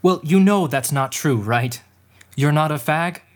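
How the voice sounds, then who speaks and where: A man in a student radio drama playing a gentle, patient uncle who speaks calmly and reassuringly. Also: on the high side. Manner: calm, reassuring, measured.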